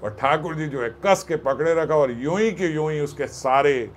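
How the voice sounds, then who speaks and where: A man telling a devotional katha as a sermon, animated, acting out voices and joking with listeners. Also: fairly high pitch, moderate pace. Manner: animated, acts out voices and jokes with the audience. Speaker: katha storyteller.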